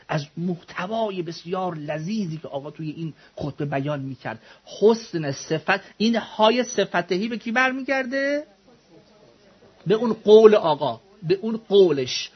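A man's voice: on the high side, breathy edge, highs cut off. A man teaching a religious studies class, explaining texts word by word, questioning students and joking with them.

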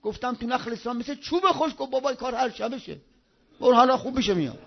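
A man preaching a religious sermon over a loudspeaker, telling a story with passionate outbursts and hushed low passages. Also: creaky. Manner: impassioned, swinging between loud outbursts and hushed low tones. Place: speaking over a loudspeaker in Qom. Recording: dull lo-fi recording.

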